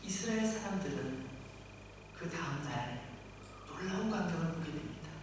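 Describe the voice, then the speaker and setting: A woman pastor preaching a sermon, animated, acting out voices of God and the people in her story. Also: fairly low pitch, normal speed, noisy background. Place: church sanctuary. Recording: echoey church hall, mic far off.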